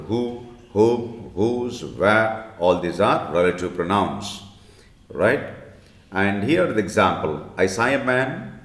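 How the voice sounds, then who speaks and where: Male teacher, Indian English accent, low animated voice, patient repeat-the-example style, echoey room. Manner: explanatory, repeats examples, frequent "you know" and "right?". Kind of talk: grammar lesson.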